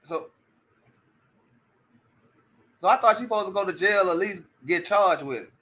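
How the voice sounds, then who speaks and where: A man's voice: high-pitched, moderate pace, pushed and bright, lo-fi sound. A man giving casual commentary, often restarting his sentences and repeating rhetorical questions to his audience. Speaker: commentary streamer.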